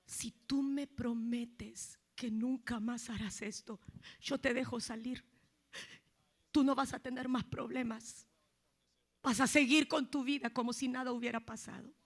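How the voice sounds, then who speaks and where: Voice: medium pitch, fairly even intonation, measured pace. A preacher voicing a stern male judge who offers a deal, in a sermon story. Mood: persuading.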